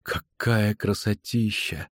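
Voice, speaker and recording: A man voicing a sharp-tongued, teasing young girl in an audiobook, lifting his voice higher. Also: lively intonation, normal speed, slightly rough, no room sound, clean studio sound. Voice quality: teasing, sulky.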